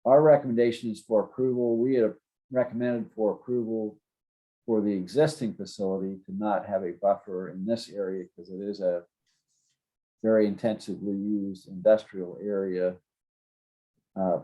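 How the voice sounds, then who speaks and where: A man's voice: on the low side, steady tone, normal speed, dull audio. A man giving an informal, explanatory presentation as city zoning staff, plain-spoken and a little hesitant.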